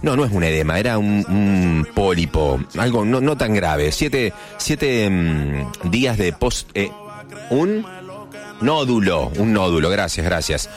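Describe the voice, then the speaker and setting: A man from Argentina with a Córdoba accent hosts a casual morning radio show, his low-leaning voice swinging widely in pitch at a slow pace. He's chatty, full of joking asides and playful mock voices, with faint music behind him.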